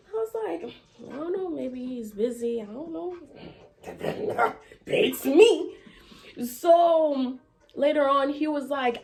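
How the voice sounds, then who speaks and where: A young woman tells a casual storytime straight to her viewers. She keeps it animated, leaping up in pitch whenever she acts out what people said, at a middle pitch for a woman. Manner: animated, acts out quotes with big pitch jumps and laughter. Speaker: vlogger.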